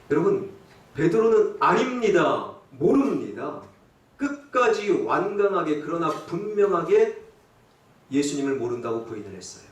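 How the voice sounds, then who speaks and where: Pastor guy preaching, dramatic, kinda high voice, big echoey church. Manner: dramatic, acts out quotes and dialects, rhetorical questions. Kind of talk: sermon. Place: church sanctuary. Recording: echoey church from a distant mic.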